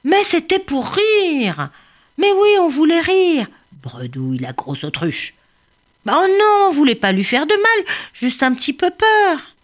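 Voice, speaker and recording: A woman voicing a big bullying female ostrich who talks in a high, sneering, whining way. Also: wildly swooping pitch, a little slow, full character voice.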